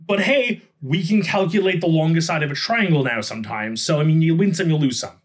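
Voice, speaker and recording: A man co-hosting a podcast in casual chat, relaxed and making joking asides. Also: a little high, fast. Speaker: podcast co-host.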